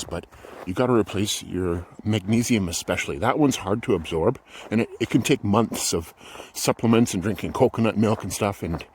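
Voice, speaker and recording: Middle-aged guy rambling on a walk outside, lowish voice, bit of faint noise behind. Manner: rambling, thinking aloud with many restarts. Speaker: vlogger. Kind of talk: casual walk-and-talk vlog. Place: outdoors on a walk.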